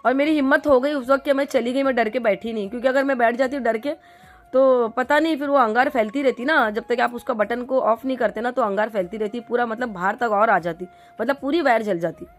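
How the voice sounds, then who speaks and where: A woman's voice: on the high side, a little fast, faint music behind. A middle-aged woman from India telling a vlog story to her viewers, chatty and rambling with lots of fillers and restarts. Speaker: vlogger.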